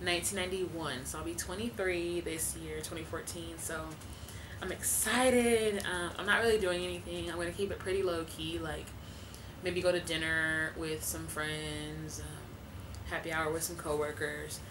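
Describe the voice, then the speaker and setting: A woman's voice: deep voice, steady tone, normal speed, background noise. A woman in her twenties chatting casually to camera from her living room, talking loosely with lots of fillers and laughs. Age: 20s. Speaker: vlogger.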